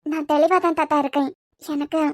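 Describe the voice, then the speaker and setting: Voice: high voice, flat delivery, fast talker, no room sound, clean studio sound, natural voice. A voice artist playing a tearful, stubborn young wife in a cartoon serial, with a Kanyakumari Tamil accent. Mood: pleading. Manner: pleading yet stubborn.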